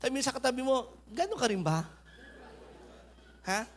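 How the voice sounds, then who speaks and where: A man preaching a sermon, swinging between loud urging and quiet asides. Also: very high voice, big pitch swings, normal speed. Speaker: pastor.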